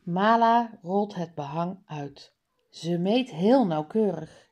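A woman reading a children's reading book aloud slowly and clearly, for learners. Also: fairly low pitch, darkish tone. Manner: clear, deliberate, over-articulated. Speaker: reader.

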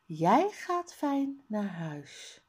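A patient, gently firm schoolteacher from a children's storybook, as a woman puts her on while reading aloud. She speaks softly and quietly at a very slow, deliberate pace. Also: mid-range voice, sing-song, breathy edge, exaggerated voice. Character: calm, patient female schoolteacher.

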